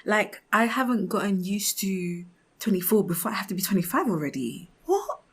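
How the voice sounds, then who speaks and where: This podcast host is a woman in her twenties whose medium-pitched, slightly rough voice sounds very animated at a moderate pace. Giggling and frequently laughing mid-thought, she delivers a casual monologue, acting out imagined remarks.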